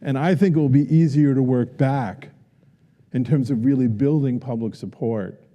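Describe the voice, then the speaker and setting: A man's voice: fairly low pitch, warm tone, muffled recording. A man, a professor, giving an earnest lecture and answering audience questions in a university auditorium. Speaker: professor giving a symposium talk. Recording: long auditorium reverb.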